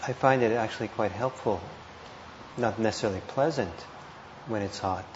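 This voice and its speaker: A meditation teacher with a fairly low voice leads a guided session in an indoor hall with noticeable echo. His short phrases come gently, a touch hesitant, separated by pauses. This live talk sounds muffled and roomy, and background noise is clearly present.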